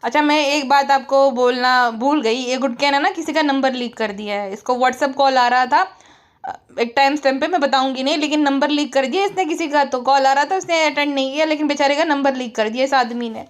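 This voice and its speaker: A woman's voice: high voice, brisk. A woman giving a sarcastic, mocking gossip commentary and mimicking the people she criticizes. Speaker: online commentator.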